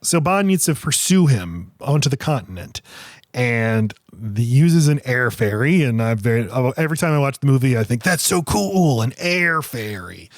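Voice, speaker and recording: A man's voice: mid-range voice, expressive, normal speed, no room sound, clean studio sound. A man co-hosting a movie review podcast in casual chat, rambling and restarting sentences, slipping into silly voices to quote scenes. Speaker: podcast co-host.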